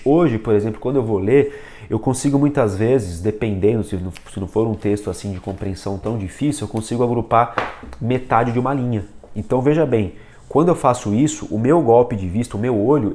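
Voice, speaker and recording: A man's warm, medium-pitched voice moves a little quickly as he gives an informal video lesson on reading. Acting as a reading coach, he addresses the viewer head-on and demonstrates with a book and pen.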